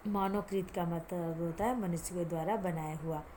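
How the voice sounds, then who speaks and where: A woman teaching Hindi vocabulary to children, asking and answering her own questions, mixing in English words, and having the pupils repeat hard words after her as she pronounces them slowly. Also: lowish voice, fairly even intonation, dark tone, slight background noise. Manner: drawn-out careful pronunciation of hard words.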